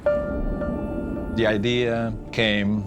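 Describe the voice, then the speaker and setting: Low-voiced male researcher in a nature documentary interview. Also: little pitch movement, drawn-out words. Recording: clear music under the voice. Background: music.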